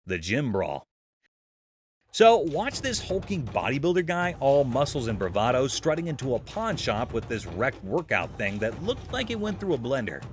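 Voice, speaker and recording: A man's voice: mid-range voice, very animated, normal speed, slight background noise. A man narrating a scripted comedic recap, playful and exaggerated, full of jokey comparisons.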